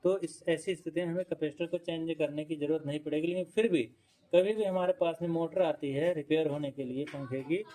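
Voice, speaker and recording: A man with a slightly high voice teaches fan and motor repair. He explains patiently and repeats key points, stopping often to check that the viewer follows. He works with tools while he talks. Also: steady tone, fairly quick, dark tone. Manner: demonstrating with tools while talking. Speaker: electrician instructor. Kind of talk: hands-on repair tutorial.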